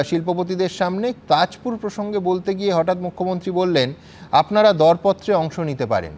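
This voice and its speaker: A man's voice: sits high, a little mellow. A man anchoring a televised news debate, pressing guests with pointed questions and cutting in. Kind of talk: studio debate moderation.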